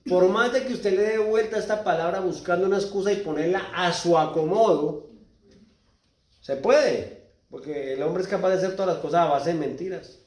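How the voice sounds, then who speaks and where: A man with a Colombian Spanish accent preaching a sermon as pastor, swinging between loud exhortation and quiet low asides. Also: moderate pace, recorded from a distance. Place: church. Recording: echoey church hall, speaker off-mic at times.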